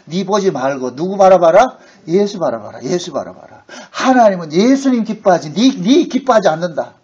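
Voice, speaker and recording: High-voiced preaching pastor, a man. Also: poor audio. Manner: colloquial preaching that acts out quoted voices, swinging from shouts to hushed asides. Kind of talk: sermon. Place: church sanctuary.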